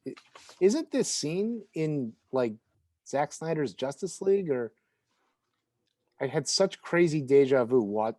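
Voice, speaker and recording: A man's voice: a little high, sing-song, takes it slowly, pauses often, warm tone. Enthusiastic man chatting about comics. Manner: chatty, enthusiastic, casual swearing. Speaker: podcast co-host. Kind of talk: casual comic book discussion.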